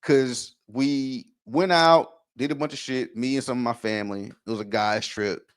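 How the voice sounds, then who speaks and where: A man's voice: medium pitch, steady tone, moderate pace, clear, resonant tone. A man co-hosting a podcast, joking around and building bits with quoted lines. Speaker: podcast co-host. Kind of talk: casual chat.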